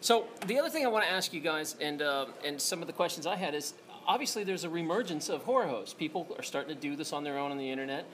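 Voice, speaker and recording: A man's voice: fairly high pitch, animated, fast talker, hardly any pauses, a bit bright, slight background noise. A man hosting a casual live-stream interview at an event, chatty and jokey in an informal way.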